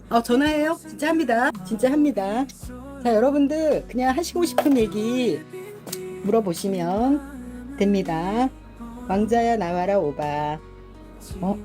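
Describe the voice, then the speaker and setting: A middle-aged woman hosting a live stream, chatting casually with viewers, laughing often and clearing her throat a lot. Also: a little high. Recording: music playing behind.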